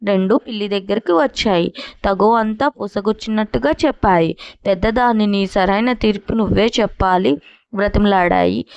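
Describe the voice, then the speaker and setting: A woman narrating a moral fable in a measured, scripted storybook reading. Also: medium pitch, gravelly, dry recording, lo-fi sound.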